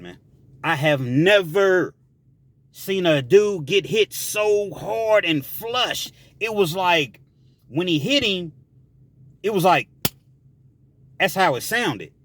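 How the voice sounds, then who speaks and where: A man telling a story from prison life in a casual, emphatic way, with shouted sound effects. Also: fairly high pitch, slightly rough.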